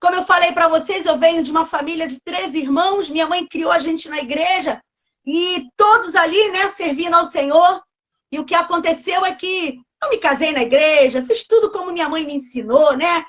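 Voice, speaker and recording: A woman's voice: extremely high pitch, normal speed, fairly bright tone, lo-fi sound. A Brazilian woman in her fifties, a pastor giving an emotional, fervent testimony and acting out dialogues with God. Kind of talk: emotional personal testimony preaching.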